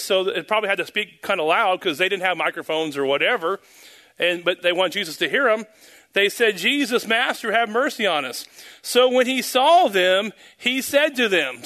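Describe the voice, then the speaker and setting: A man's voice: high voice, bright, forceful tone. A man leading a church service as pastor, speaking at a pulpit microphone, praying fervently and preaching, and often repeating words and hesitating with ums. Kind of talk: fervent prayer and sermon.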